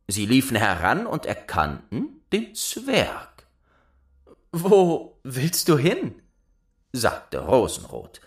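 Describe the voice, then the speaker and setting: A man narrating a fairy tale with a lowish voice. He takes his time over each phrase, letting his pitch rise and fall expressively as the story unfolds. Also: fairly bright tone. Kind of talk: storybook reading.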